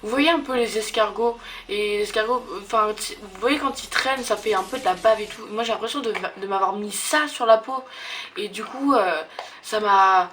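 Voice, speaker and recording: A woman's voice: mid-range voice, moderate pace, a bit bright, a little hiss or hum. A young woman chatting casually in a beauty product review, hesitant and full of fillers and restarts. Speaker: beauty vlogger.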